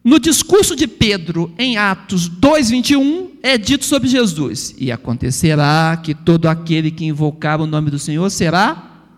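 A man preaching a teaching sermon as a pastor, explaining step by step and asking the congregation questions. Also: high voice. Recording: long hall reverb.

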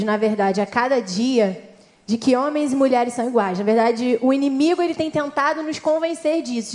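A woman's voice: high-pitched, a little mellow. A woman with a Brazilian accent preaching a sermon, talking directly and friendly to her audience. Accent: Brazilian Portuguese. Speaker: church speaker.

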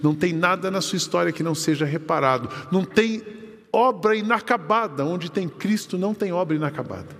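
In a church hall with long reverb, a Brazilian pastor with a Brazilian Portuguese accent preaches a sermon in a high-pitched voice, a little fast. He tells a lively story, quoting the people in it as they converse.

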